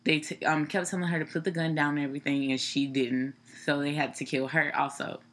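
Woman podcast co-host, chatty and casual, bright tone, frequent fillers. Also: low voice, flat delivery, brisk. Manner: chatty, laughs easily, recounts news with fillers. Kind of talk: casual chat.

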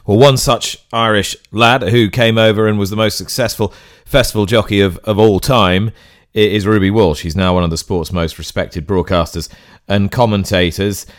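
A male sports presenter introduces guests and poses questions in a clear, scripted broadcast manner. His voice is very deep. The sound is dry and close, with no room echo. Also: steady tone, moderate pace. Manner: clear, scripted link delivery. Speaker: racing presenter and interviewer.

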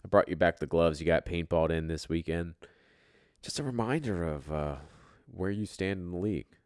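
A man's voice: deep voice, moderate pace, darkish tone, clean tone, no echo, studio quality. A man hosting an informal fantasy sports top ten countdown show, with profane, bro-style trash talk. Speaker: fantasy football league show host.

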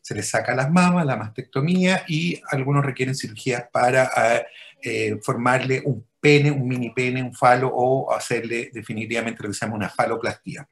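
A man's voice: mid-range voice, moderate pace, gravelly. A Chilean man, a physician, explaining his work patiently over a video call and often checking in with his listener. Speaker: physician interviewed as a guest.

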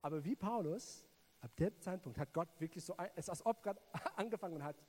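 A man from South Africa, a native English speaker with a South African accent, preaches earnestly but haltingly, frequently repeating words as he speaks to the listener directly. His voice is high-pitched and a little mellow.

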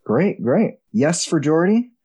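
A man with a slightly high voice hosts a tongue-in-cheek game show from a video call. He is playful and laughs often between questions. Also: sing-song, slow, warm tone, slightly rough.

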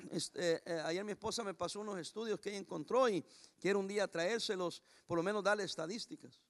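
A man preaching a sermon as pastor, emphatic and raising his voice, reading scripture slowly and deliberately. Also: high voice.

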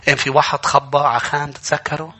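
A man's voice: fairly high pitch, flat delivery, fast talker, bright, forceful tone, husky. A man with a Lebanese accent preaching a sermon to his church congregation, emphatic and rousing, often calling out to the listeners. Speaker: pastor.

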